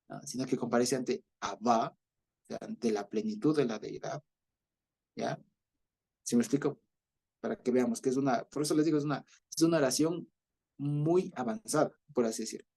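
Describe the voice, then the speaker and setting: Husky Ecuadorian preacher, explaining patiently. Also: male voice, mid-range voice, mellow. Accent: Ecuadorian Spanish. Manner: explanatory, repeats himself with many fillers and checks for understanding. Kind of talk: bible study teaching.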